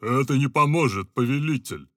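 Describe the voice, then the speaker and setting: A man's voice: mid-range voice, animated, normal speed, fairly bright tone, dry recording, clean studio sound, pitched above the performer's own voice, close to an everyday voice. A man voicing a scheming old male owl adviser who speaks in a sly, confiding way in an audiobook. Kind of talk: audiobook character voice.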